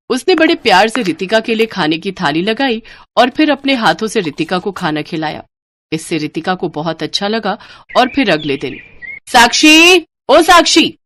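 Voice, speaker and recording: A woman narrating an animated moral story in a steady, clear storytelling manner. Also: medium pitch.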